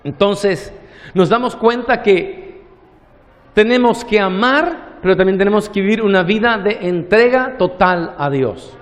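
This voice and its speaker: A man preaching a sermon as pastor, slowing down on key words and acting out the characters' lines in a story. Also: sits high, animated, long reverb tail. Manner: preaching with long slow pauses, acting out the parable's dialogue.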